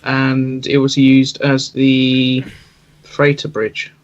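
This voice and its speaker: A man co-hosting a casual fan podcast, talking in a measured, matter-of-fact way. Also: mid-range voice, completely flat delivery. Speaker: podcast co-host. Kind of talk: casual chat. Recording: dull lo-fi mic.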